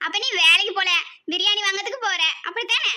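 A woman's voice: very high voice, fast, background noise. A woman voicing a bossy elder sister who nags and scolds, with a southern Tamil accent. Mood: scolding. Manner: scolding, nagging. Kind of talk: cartoon voice acting.

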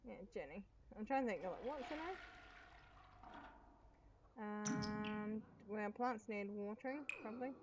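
A young woman giving casual commentary while playing a video game, often breaking into excited, gasping exclamations. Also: mid-range voice, measured pace, pauses often, background noise. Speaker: gaming YouTuber. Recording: dull lo-fi audio with game music. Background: game music.

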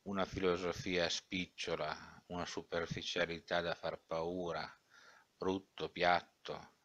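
Give me an indignant young critic, fussy and scornful, pronouncing every fault with emphasis, as a man reads him in an audiobook. The voice is low and bright-edged, and the recording is slightly dull and lo-fi. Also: flat delivery, takes it slowly, no echo. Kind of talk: audiobook character reading.

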